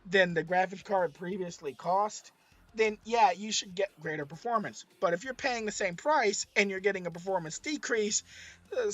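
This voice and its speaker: A man presenting tech commentary with a hoarse, strained voice that is giving out, stressing his points by repeating them. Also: sits high, a bit bright, no echo, highs cut off. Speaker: streamer, presenter. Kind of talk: slide-based tech commentary.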